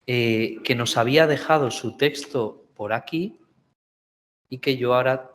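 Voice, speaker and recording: A man's voice: mid-range voice, measured pace, a bit bright, a little hiss or hum. A man with a Spain Spanish accent moderates a conference session in an informal, spontaneous way.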